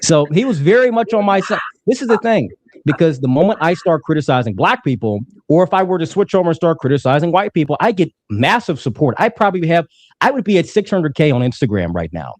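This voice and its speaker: A man's voice: a little high, sing-song, quick pace, a little mellow, no room sound. A man in his twenties arguing in a heated debate, combative and profane. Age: 20s. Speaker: debate panelist.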